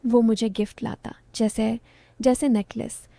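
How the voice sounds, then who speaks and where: A woman's voice: fairly high pitch, level tone, unhurried, vocal fry, dark tone, no echo. A woman narrating an emotional first-person story in a confiding storytelling manner.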